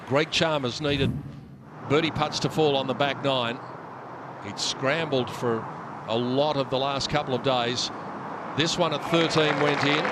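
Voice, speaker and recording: A man working as a golf commentator, narrating tournament highlights. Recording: crowd and outdoor noise behind. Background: loud golf crowd and outdoor ambience.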